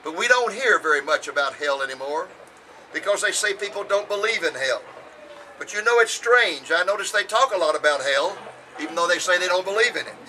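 A man's voice: high voice, expressive, brisk, sharp tone, distant mic, a little hiss or hum, low-quality recording. A man reading a sermon aloud with earnest, emphatic oratory, outdoors on a hilltop. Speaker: preacher.

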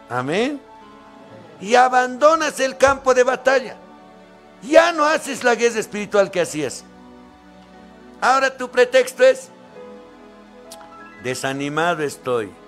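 A man with a Bolivian Spanish accent preaching a sermon. He swings from loud, fervent calls to low, quiet asides and acts out the voices of the people he quotes.

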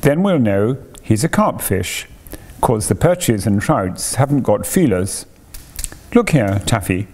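A patient cave-man father from a storybook, speaking calmly with a gently dry fatherly manner as a man reads him. His voice moves in a lively way but stays unhurried. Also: lowish voice, exaggerated voice.

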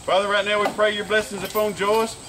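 A man rushes through baptism words and prayer, his voice raised high and quick. The delivery is fervent and liturgical, words tumbling out. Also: flat delivery, background noise. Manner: rapid fervent liturgical speech. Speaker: preacher baptizing a child.

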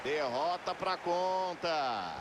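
A man with a Brazilian Portuguese accent calling play-by-play for a football video game, with energetic calls. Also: fairly high pitch, very slow, background noise. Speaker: play-by-play announcer.

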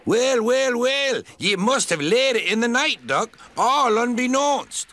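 A man's voice: extremely high pitch, lively intonation, slow pace, a bit bright, pitched above the performer's own voice, full character voice. A man voicing a teasing, sleepy male steam engine with a Scottish accent and a dry drawl. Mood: sly.

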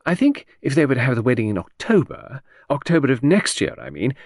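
A man putting on a high, lilting voice for a flighty older lady of the gentry, who chatters on in a breezy, rambling way. Her voice swoops up and down, and the recording is close and dry. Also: very animated, brisk, darkish tone, no echo. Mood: dreamy.

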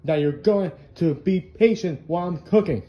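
A man's voice: on the high side, measured pace, dull audio, background noise, lightly acted. A man voicing a short-tempered puppet cook in an amateur puppet show, stern, scolding and threatening. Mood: angry, stern.

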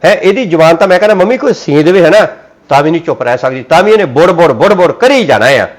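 Sulky husband, quick talker, slightly high voice. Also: male voice, lively intonation. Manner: sulky, complaining. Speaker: husband in a comedy sketch. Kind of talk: Punjabi family comedy sketch.

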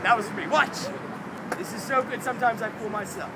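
A man's voice: high voice, a little fast. A young man performing playful, joking street-magic patter to a crowd, in the manner of a kids party magician. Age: young adult. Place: city sidewalk, outdoors. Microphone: handheld camera a few feet away. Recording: busy outdoor street with crowd and traffic.

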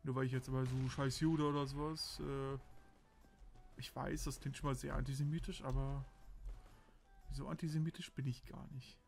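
A man's voice: mid-range voice, little pitch movement, normal speed, creaky, long pauses, a little mellow, soft background music. A young man from Berlin giving rambling, crude, casual commentary while playing a shooter game. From Berlin, Germany. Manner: rambling, crude, self-justifying chatter. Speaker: let's play commentator.

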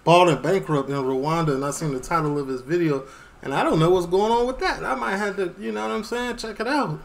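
Animated reaction streamer from Chicago. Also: male voice, high-pitched, a little fast, vocal fry. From Chicago, USA. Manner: animated, talks back at the video. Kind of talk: casual reaction commentary.

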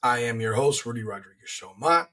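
A man in his thirties from South Florida with a hoarse, flu-worn voice, giving an opinionated, conversational sports rant as a podcast host. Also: medium pitch, expressive, brisk, bright, forceful tone. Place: furnished home room, indoors. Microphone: large desk microphone close to the mouth.

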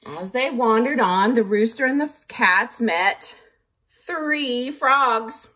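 A woman's voice: a little high, expressive, slow, sharp tone. A woman reading a picture book aloud like a teacher, patiently stopping to count along.

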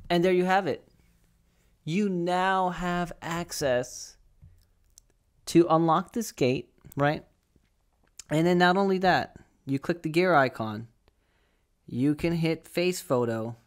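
Slow and pausing often, a young man with a clear, resonant, fairly high voice explains a tech process step by step. His conversational tutorial keeps checking in with the listener. He's recorded up close on a desk microphone in a small home studio covered in acoustic foam.

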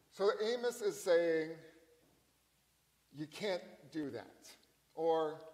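A male pastor preaching a sermon in a conversational, emphatic way, slowing down on key lines. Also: a little high, big-room sound, rough recording.

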